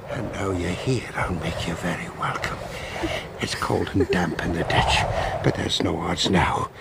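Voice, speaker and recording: An actor playing a lecherous, violent wrecker in a radio drama, leering and taunting. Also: male voice, medium pitch, very noisy, close to an everyday voice. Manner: leering, taunting, then howling in pain.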